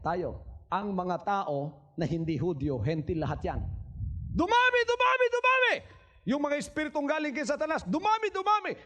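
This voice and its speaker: A man preaching a sermon in Taglish, repeating words for emphasis, swinging from quiet asides to shouted cries, and firing questions at his congregation. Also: high voice. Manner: asks the crowd rhetorical questions. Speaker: pastor.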